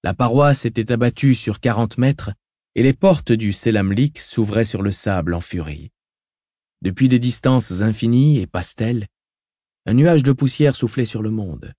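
A man narrating an audiobook in a measured, dramatic reading style. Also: mid-range voice, dark tone, no echo, clean studio sound.

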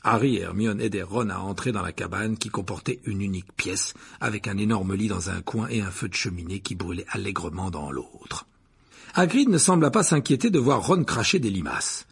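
A man narrating an audiobook in an expressive, animated reading. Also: lowish voice, fairly quick, vocal fry, slightly rough.

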